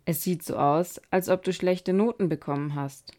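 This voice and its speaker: Casting: kind, firm bearded old woodcarver, storybook, woman reading, slow and emphatic. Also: fairly low pitch, darkish tone, natural voice. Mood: gentle.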